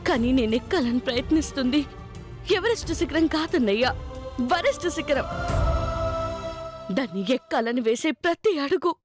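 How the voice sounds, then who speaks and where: A grieving young wife in a soap opera, her voice set very high as she pours out earnest, reproachful speeches. A score of background music plays beneath her. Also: animated, normal speed, long pauses. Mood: sorrowful. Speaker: daughter-in-law. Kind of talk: TV serial acting.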